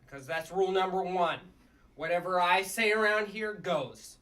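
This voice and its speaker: A man with a rather high, fairly bright voice, picked up on a distant mic, speaks at a moderate pace. At a sitcom table read he plays a bossy, short-tempered puppet district attorney, blustering, stumbling, and repeating words.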